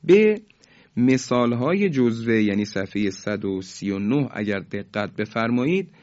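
A man teaching Quran recitation rules in a formal, polite way, explaining each rule and then chanting the examples slowly and drawn out for students to repeat. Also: medium pitch, lively intonation, a little mellow. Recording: dull lo-fi recording.

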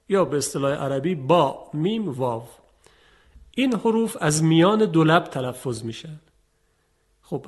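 A man teaching a tajweed lesson, calmly explaining and demonstrating letter sounds. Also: on the high side. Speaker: Quran recitation teacher.

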